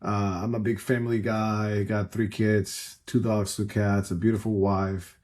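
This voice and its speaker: A man, speaking as a guest in a fairly low, mellow voice. He talks earnestly and loosely, circling back and restarting his sentences as he tells his story. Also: flat delivery, unhurried. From Ecuador. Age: 30s. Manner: earnest, rambling, many restarts and "like" fillers. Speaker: guest entrepreneur. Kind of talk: casual conversational storytelling.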